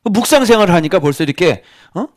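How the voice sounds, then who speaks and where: A man's voice: high voice, lively intonation, quick pace. A middle-aged man preaching a sermon as pastor, chatty and teasing, often quizzing his congregation.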